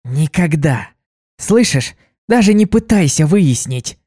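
Brief: a man doing a sly blue pony mare, bubbly and teasing, pitched high, dry close sound. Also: animated, measured pace, a little mellow, dry recording. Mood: menacing. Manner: bubbly, teasing, turns menacing. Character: cheerful sly blue female pony, fiercely protective.

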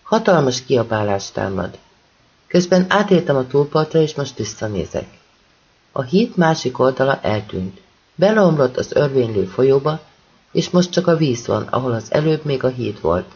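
A man's voice: mid-range voice, very animated, a little mellow, slightly rough, highs cut off. A man reading a first-person audiobook with urgent, intense storytelling. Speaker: audiobook reader.

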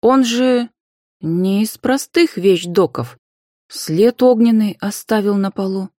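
A woman voicing a young witch who sounds brisk and a little wry, raised above her reading voice. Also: mid-range voice, dark tone, no room sound, clean studio sound, voice pushed up, natural voice. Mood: surprised.

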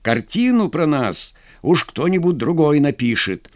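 A wounded older painter grumbles and jokes dryly through his pain, as a man reading a storybook puts him on. His delivery swings with a lively pitch. The recording is dry and close. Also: slow pace, no echo. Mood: grumbling. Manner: grumbling, sardonic. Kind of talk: audiobook character voice.

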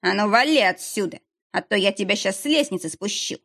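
A woman's voice: mid-range voice, animated, creaky, a bit bright. A woman reading an audiobook, voicing a big bald man who grumbles and threatens. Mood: grumbling threatening. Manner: grumbling, slow.

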